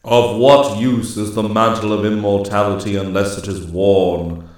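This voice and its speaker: A man voicing a solemn male immortal master of the forest, speaking gravely and slowly in a storybook reading. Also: lowish voice, flat delivery, heavy reverb, natural voice. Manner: grave, slow and declaiming.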